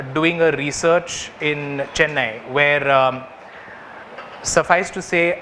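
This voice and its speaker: A man's voice: on the high side, pushed and bright, slight background noise. A man with a South Indian accent presenting work to clients in a conversational way, often checking in with short rhetorical questions. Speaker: advertising agency presenter.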